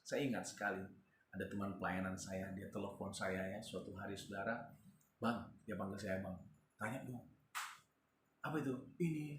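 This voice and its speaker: A male pastor preaching a sermon in a conversational way, often addressing his listeners directly. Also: medium pitch. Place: church. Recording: echoey church room with faint ambient noise.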